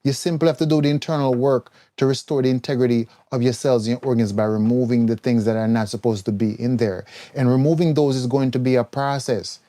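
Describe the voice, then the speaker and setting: Talking a little fast with hardly a pause, a man in a dark, steady mid-range voice delivers a scolding health lecture on a live stream. He's an herbal health coach, and when he quotes others he imitates how they sound.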